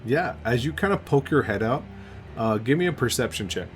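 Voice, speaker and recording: Mid-pitched male game master, easygoing narration with lots of ums. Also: a little fast, faint music behind. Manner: relaxed, full of ums and uhs.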